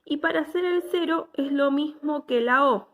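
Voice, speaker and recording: A woman's voice: high-pitched, moderate pace, a bit bright. A woman, giving a patient step-by-step technical drawing lesson and checking in with her students after each step.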